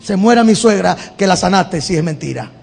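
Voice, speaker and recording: A man's voice: sits high, expressive, a little fast, creaky, darkish tone, in a large hall, exaggerated voice. A man voicing the impulsive apostle Peter with a Venezuelan accent, swearing oaths and then reproaching himself. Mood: pleading. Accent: Venezuelan Spanish.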